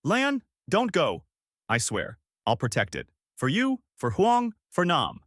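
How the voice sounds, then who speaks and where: A man voicing an older village man who yells urgently in a story. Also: mid-range voice, sing-song, moderate pace, no echo, studio quality. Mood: urgent yelling. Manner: yelling, urgent.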